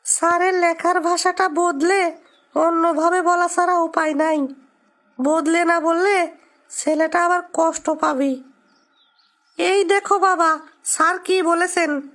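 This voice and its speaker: Woman playing a loving mother, very high voice, gentle, soothing, affectionate. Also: fairly even intonation, slow, long pauses, exaggerated voice. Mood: tender. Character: loving tender mother of a young boy.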